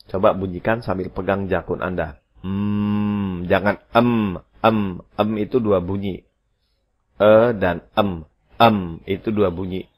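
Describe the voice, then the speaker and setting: A man teaching an English lesson, repeating his instructions and slowly spelling out example phrases. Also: low-pitched, husky, muffled recording. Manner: slow, drawn-out model pronunciations of English phrases.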